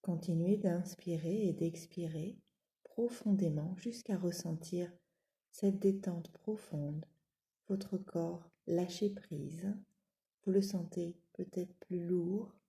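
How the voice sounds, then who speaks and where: In this yoga nidra session, the woman's voice sits on the lower side and stays calm and even. She gives soft directions and lets long pauses hang between them.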